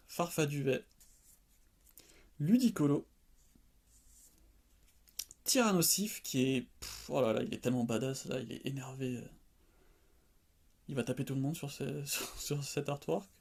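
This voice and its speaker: A man hosting his own channel, chatting casually and excitedly while opening cards, with many fillers and sighs. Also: on the high side. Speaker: card-opening channel host. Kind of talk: casual chat.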